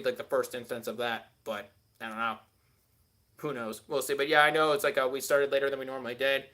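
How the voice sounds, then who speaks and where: A man's voice: fairly high pitch, sharp tone. A man hosting a live stream, rambling casually and answering chat with many filler words.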